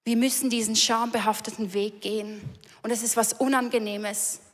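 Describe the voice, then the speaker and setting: A woman's voice: on the high side, steady tone, normal speed. Earnest woman preaching in a hall. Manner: earnest, emphatic repetition. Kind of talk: sermon. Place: large church hall. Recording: reverberant church hall.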